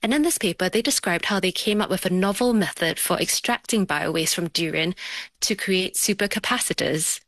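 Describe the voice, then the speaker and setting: A woman's voice: on the low side, moderate pace, a bit bright, dry recording. A woman science broadcaster on a radio panel, explaining things in plain, illustrative terms. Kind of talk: explanatory radio storytelling with analogies.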